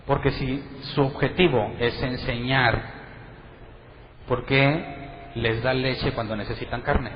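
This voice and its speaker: A man's voice: medium pitch, steady tone, slow, long pauses, big-room sound, dull audio, slight background noise. A man preaching a sermon to a congregation in a conversational way, asking them questions and acting out what others say. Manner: conversational, asks the congregation questions, acts out quotes. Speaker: pastor.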